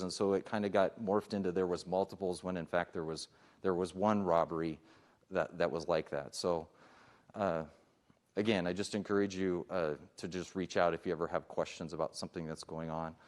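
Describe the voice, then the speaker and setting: A man's voice: deep voice, fairly even intonation, brisk. A middle-aged man, a police chief, giving a conversational presentation at a public forum, with frequent fillers and restarts.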